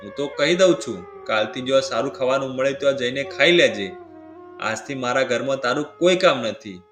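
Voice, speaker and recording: A shrill, loud scolding woman, as a male narrator puts her on. She sounds raised and harsh. Roomy echo with clear music beneath. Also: animated, a little slow. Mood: furious. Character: shrewish scolding woman, an older sister-in-law.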